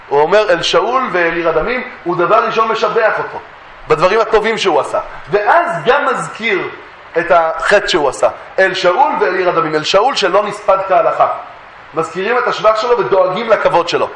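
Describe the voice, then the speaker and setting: A man giving a Torah lesson, telling stories lively and acting out the voices he quotes. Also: high voice, a little hiss or hum. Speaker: Torah teacher. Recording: echoey room.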